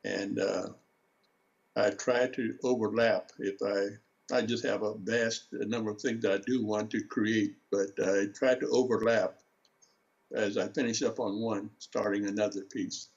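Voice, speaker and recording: An older man from Seattle, a guest artist talking in an interview, slow to find his words, with many filler sounds. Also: lowish voice, steady tone, gravelly, darkish tone, breathy edge. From Seattle, USA. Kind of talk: relaxed interview talk. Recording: dull lo-fi sound.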